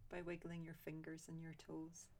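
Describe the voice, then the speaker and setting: A woman guiding a loving-kindness meditation, speaking slowly and softly with long pauses. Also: deep voice, slight background noise. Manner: slow, soft and calm with long pauses. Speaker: meditation guide.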